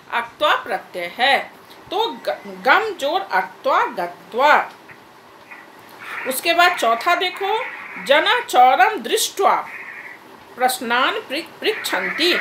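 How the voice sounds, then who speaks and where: A woman's voice: sits high, big pitch swings, slow pace, echoey room, background noise. A woman teacher leading an online class over a video call, patiently repeating corrections and calling on students by name.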